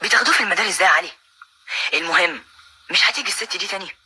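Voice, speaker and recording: An actor playing a blunt, streetwise mechanic in an old Egyptian film, speaking brusquely with an Egyptian accent. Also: male voice, high-pitched, very fast, bright, forceful tone, husky, heavily acted. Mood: gruff. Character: blunt working-class male mechanic.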